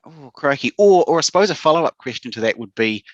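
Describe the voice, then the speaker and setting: Easygoing New podcast host. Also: male voice, a little high, lively intonation, fast talker, no room sound, muffled recording. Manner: easygoing, asks long conversational questions. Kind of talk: interview questions, casual.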